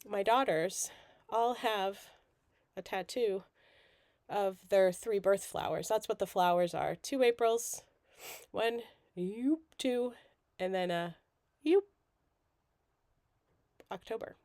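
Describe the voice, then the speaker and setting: A woman's voice: medium pitch, takes it slowly, pauses often, darkish tone, no room sound, studio quality. A woman hosting a casual crafting livestream while groggy and sick with a cold, chatty and rambling. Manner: rambling, chatty, self-deprecating.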